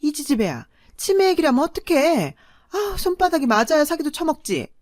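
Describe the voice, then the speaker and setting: A woman voicing a harsh, selfish middle-aged mother who berates her daughter in a shrill voice. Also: very animated, normal speed, a little mellow, no room sound, studio quality. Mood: berating.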